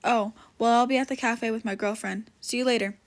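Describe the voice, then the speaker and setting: A calm, friendly teenage boy, as a woman reads him in a storybook reading. He sounds easygoing and polite. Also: a little high, fairly quick, lightly acted.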